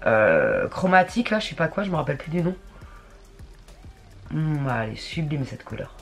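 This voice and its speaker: A woman's voice: deep voice, big pitch swings, normal speed, soft background music. A woman chatting casually through a makeup tutorial, slangy and talking to herself as she works. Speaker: beauty vlogger.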